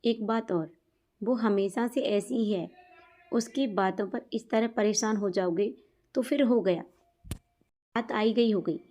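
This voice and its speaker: A relaxed young wife who brushes off worries in a breezy, casual way, as a woman storyteller voices her. The voice is warm and mellow, close to the narrator's own. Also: mid-range voice, unhurried, pauses often, lightly acted.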